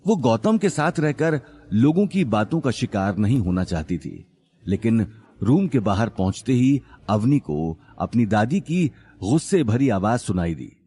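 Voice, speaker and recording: A man narrating a dramatic family story in an expressive audiobook style. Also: medium pitch, measured pace, husky.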